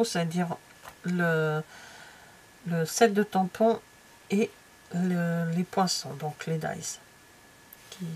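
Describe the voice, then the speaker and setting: A woman's voice: lowish voice, darkish tone. A middle-aged French woman chatting casually as she flips through a craft catalogue, full of fillers and trailing asides. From France. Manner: chatty and hesitant, many fillers and trailing asides, drops to near-whispers. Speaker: craft vlogger flipping through a stamping catalogue. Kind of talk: casual chat.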